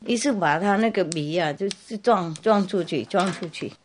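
A woman's voice: lowish voice, moderate pace. A woman Buddhist master telling a humorous story in a chatty way, laughing and repeating herself.

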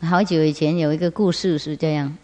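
A woman's voice: sits low, steady tone, a little fast, dark tone. A woman spiritual master giving a Buddhist teaching talk, laughing often and asking rhetorical questions. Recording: long hall reverb.

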